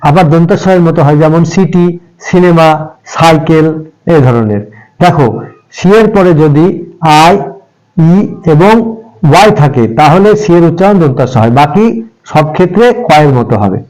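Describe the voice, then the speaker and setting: A man with a slightly high voice walks children through letter sounds. He speaks patiently and spells out each example word letter by letter, then repeats it. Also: lively intonation, moderate pace, a little mellow, poor audio. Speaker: English pronunciation teacher. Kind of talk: step-by-step spoken lesson for children.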